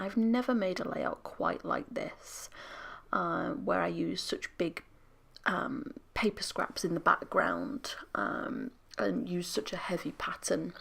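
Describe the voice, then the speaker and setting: A British woman, unwell and losing her voice, narrating a crafting video voiceover very close to the microphone in a soft, half-whispered, apologetic ramble. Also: fairly low pitch, creaky, slightly rough. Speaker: scrapbooking channel host.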